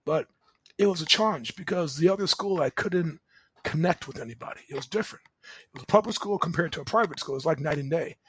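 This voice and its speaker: A middle-aged man hosting a podcast, telling his life story in a lively, conversational way, chuckling often. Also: on the high side, quick pace, husky, dry recording. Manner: animated, conversational, chuckles often, asks "right?". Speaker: podcast host. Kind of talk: personal storytelling monologue.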